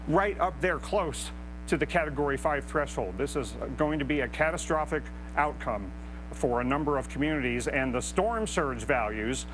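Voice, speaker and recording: A male meteorologist with a slightly high voice delivers a live technical briefing. He explains things in careful, precise detail. A clear humming rumble runs under his voice. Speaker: hurricane expert meteorologist. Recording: clear hum and rumble of noise.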